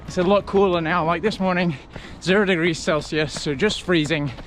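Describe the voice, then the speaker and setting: A man talking casually to camera as a running vlogger, in a reflective, conversational way with halting short phrases. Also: high-pitched, a little hiss or hum. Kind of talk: casual vlog talk to camera.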